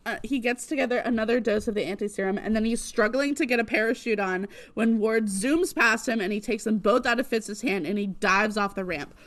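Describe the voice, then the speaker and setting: A woman co-hosting a podcast, recapping a TV episode in casual chat, animated and laughing often. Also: on the high side. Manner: animated, laughs often, squeals at big moments. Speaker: podcast co-host.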